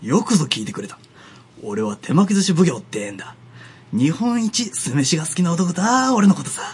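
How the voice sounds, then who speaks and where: Brief: brash, bossy sushi "expert", rough Edo-style Tokyo talk, a man doing the voice; husky and animated in a comic radio skit. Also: a little high, a little fast, heavily acted. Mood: boastful. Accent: Edo-style Tokyo dialect put on over Kansai. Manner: blustering, rough street talk. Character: gruff boastful middle-aged male hand-rolled sushi know-it-all.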